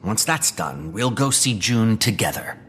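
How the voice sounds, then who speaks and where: A man's voice: lowish voice, animated, unhurried, fairly bright tone, husky, big-room sound, full character voice. An actor playing a concerned, decisive male team member in a video game.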